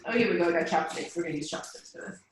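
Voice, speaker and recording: A woman's voice: fairly low pitch, racing, slight background noise. A woman leading a staff training session, chatty and explanatory, who keeps checking in with her listeners as she goes. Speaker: staff trainer for child therapy. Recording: roomy echo with faint music.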